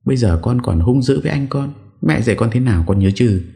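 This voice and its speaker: A man voicing an elderly mother, reproachful, wailing, raised pitch, storybook audio. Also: animated, a little fast, creaky, warm tone. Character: elderly mother, grieving and scolding her son.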